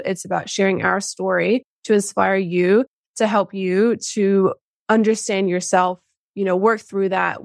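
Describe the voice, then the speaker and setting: A woman's voice: mid-range voice, vocal fry, dry recording, studio quality. A young woman, co-author of a book, giving long explanatory interview answers with many restarts. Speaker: co-author guest.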